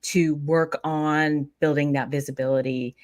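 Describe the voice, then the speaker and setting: A woman's voice: sits low, steady tone, measured pace, no echo. A woman from Pennsylvania, a thought leadership coach, speaking as an upbeat interview guest who often repeats words as she goes. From Pennsylvania, USA. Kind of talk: conversational interview.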